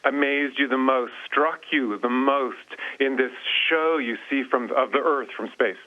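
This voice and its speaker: A man interviewing an astronaut over a radio link, asking questions in a halting way and rephrasing them. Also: mid-range voice. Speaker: media interviewer. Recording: thin, narrow-band radio link.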